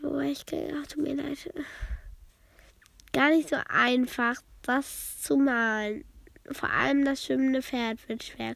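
A woman's voice: high voice, dry recording. A woman reading a children's book aloud in a casual way, with slips and self-corrections. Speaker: reader.

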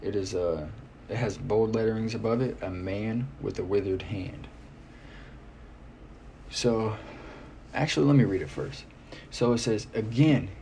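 Guy preaching kinda casual but earnest, lowish voice, repeats himself to drive it home, bit of noise behind. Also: warm tone. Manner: earnest, exhorting, repeats phrases for emphasis. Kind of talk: informal sermon to listeners. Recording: noticeable background noise.

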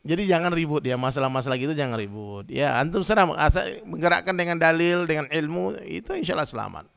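Male preacher telling stories to his congregation, bright tense tone, gravelly edge. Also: on the high side, quick pace. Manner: lively storytelling, addresses listeners directly. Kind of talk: humorous sermon with anecdotes. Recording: dull lo-fi sound.

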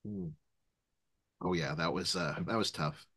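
A man's voice: deep voice, unhurried, slightly rough, dry recording. A man co-hosting a casual beer-review podcast, joking and laughing as he talks. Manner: joking, animated, laughs a lot. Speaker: podcast co-host. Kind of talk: casual chat reviewing beers.

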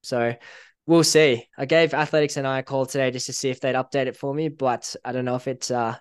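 Smooth-voiced Northern Irish man chatting. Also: mid-range voice, fairly quick, no room sound, studio quality. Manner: relaxed, chatty, with frequent fillers and small laughs. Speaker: podcast co-host. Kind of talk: casual podcast chat.

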